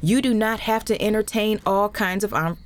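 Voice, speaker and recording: A woman's voice: mid-range voice, fairly even intonation, moderate pace. A woman co-hosting a podcast in casual chat, emphatic and frank, repeating her points. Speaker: podcast co-host.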